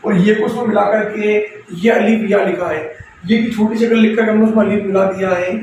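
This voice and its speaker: A man's voice: high voice, steady tone, a little fast, darkish tone, muffled recording, a little hiss or hum. A man teaching a step-by-step script lesson, patiently explaining, repeating letters and asking questions he answers himself. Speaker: Urdu teacher. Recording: very echoey room from far off.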